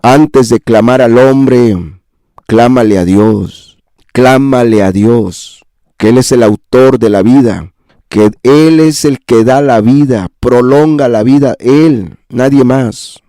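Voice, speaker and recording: A man's voice: mid-range voice, slow, mellow, no echo. A man preaching a sermon as pastor, addressing the congregation as brother and sister and building repetitive lists into impassioned pleas.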